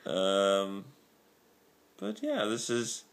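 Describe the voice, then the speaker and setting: A young man chats easily as he hosts a home vlog from a handheld camera. His voice is very low, with a rough, gravelly edge. He keeps a laid-back, easygoing manner. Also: huge pitch swings, extremely slow. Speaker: vlog host. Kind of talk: casual chat.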